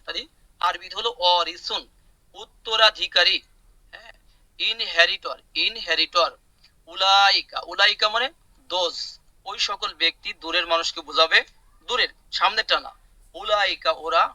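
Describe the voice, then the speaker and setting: A man's voice: high voice, pushed and bright, no room sound, rough recording. A man teaching Arabic vocabulary in an online class, repeating words, explaining them and asking his students questions. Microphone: video call.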